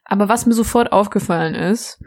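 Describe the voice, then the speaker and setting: A young woman co-hosting a casual podcast, rambling through anecdotes. She giggles often and restarts her sentences. Her voice sits at an ordinary pitch for a woman. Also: a little fast, a little mellow. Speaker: podcast co-host. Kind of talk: casual chat.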